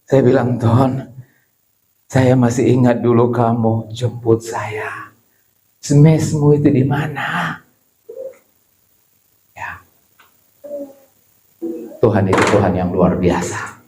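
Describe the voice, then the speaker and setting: A male pastor preaching a sermon, telling a story and quoting other people, and sometimes rising to a shout. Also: mid-range voice, slow pace, pauses often, slight background noise. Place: church. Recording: echoey church hall.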